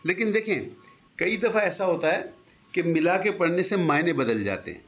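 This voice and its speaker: A man's voice: high-pitched, expressive. Patient older man teaching grammar. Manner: patient, explains with examples, mixes in English words. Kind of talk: conversational lesson. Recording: dull lo-fi recording.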